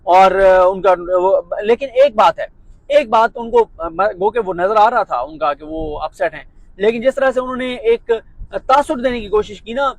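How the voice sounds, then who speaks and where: A man's voice: high voice, measured pace, no room sound, rough recording. A man with a Pakistani Urdu accent giving a political commentary monologue in a sarcastic, mocking, emphatic way.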